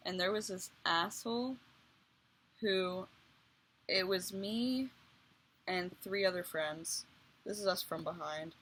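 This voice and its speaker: A woman's voice: lowish voice, bright, forceful tone. A young woman telling her own life story in a casual vlog, blunt, crude and self-mocking. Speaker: vlogger.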